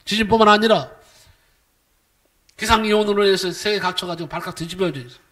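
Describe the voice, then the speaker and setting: Middle-aged pastor guy preaching hard, high bright voice, keeps asking the crowd questions. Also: quick pace. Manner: emphatic preaching with rhetorical questions; acts out quoted voices with sudden swings in loudness. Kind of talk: sermon.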